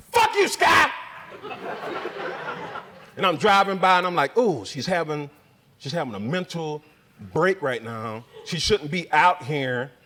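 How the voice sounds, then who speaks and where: High-voiced ranting stand-up comedian. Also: male voice, long reverb tail. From Spokane area resident since 2001. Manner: profane, ranting, mocks locals in shouted voices. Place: comedy club.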